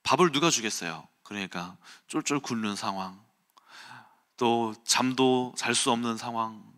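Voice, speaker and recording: Bright-voiced male preacher telling stories. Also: mid-range voice, normal speed. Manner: animated storytelling, acts out quotes and sounds, chuckles. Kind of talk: early-morning sermon with personal storytelling.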